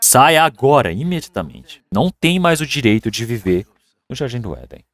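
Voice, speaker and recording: A man's voice: mid-range voice, very animated, normal speed, fairly bright tone, dry recording. A man playing a stern, commanding God.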